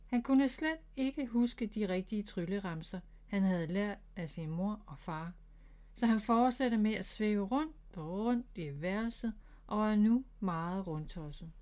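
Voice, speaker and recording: A woman narrating a children's storybook in a calm, steady way. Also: medium pitch.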